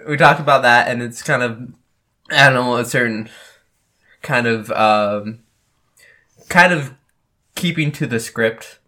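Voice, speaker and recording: A man's voice: medium pitch, unhurried, pauses often, bright, forceful tone. A young man co-hosting a casual podcast, playful and rambling with fillers. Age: young adult. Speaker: podcast co-host. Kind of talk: casual chat.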